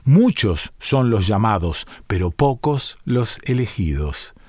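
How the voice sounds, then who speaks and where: A man's voice: lowish voice, very animated, takes it slowly, a little mellow, no echo, studio quality, heavily acted. A man voicing a haughty, condescending male mystic who calls himself an initiate, in a read-aloud story. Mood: lecturing. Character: scornful aloof male mystic, self-styled initiate. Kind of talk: audiobook reading.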